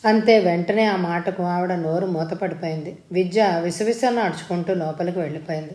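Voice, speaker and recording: A woman narrating a story in a steady, even storytelling manner as an audiobook reader. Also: lowish voice. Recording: roomy echo.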